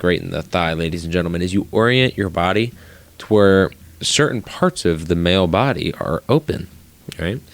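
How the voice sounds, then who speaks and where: Deep-voiced young man telling stories fast. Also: no room sound. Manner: fast, profane, animated storytelling. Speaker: podcast co-host. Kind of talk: casual chat.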